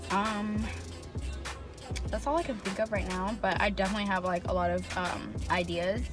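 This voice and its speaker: A young woman chatting casually to camera as a vlogger, expressive and loose, with plenty of fillers. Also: medium pitch, moderate pace, over music. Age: young adult. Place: room at home.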